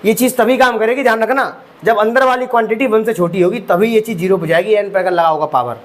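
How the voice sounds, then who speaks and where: A man's voice: sits high, fast talker. A young man teaching maths, walking students through each step with rhetorical questions and calling them bhai sahab. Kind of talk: exam-prep lecture.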